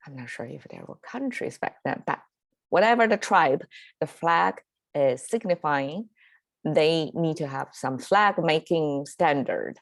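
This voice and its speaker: A Mandarin-native woman, a Chinese language teacher and podcast host, runs a casual Chinese lesson, explaining words in Chinese-accented English. Her low voice has vocal fry, lively intonation, and an unhurried pace, and the audio has no echo. She is conversational, with frequent fillers, self-corrections, and occasional laughter.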